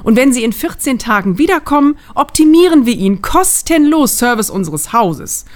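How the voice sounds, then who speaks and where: Lady doing a nervous salon owner, fake-cheery, super polite, high voice. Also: big pitch swings, normal speed. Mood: forced cheer. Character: flustered female hair salon owner, forced politeness.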